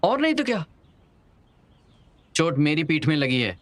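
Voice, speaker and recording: A high, teasing young friend. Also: male voice, unhurried, noisy background. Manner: teasing, lively, chatty. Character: playful young man, teasing best friend. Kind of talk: Hindi dub of a drama.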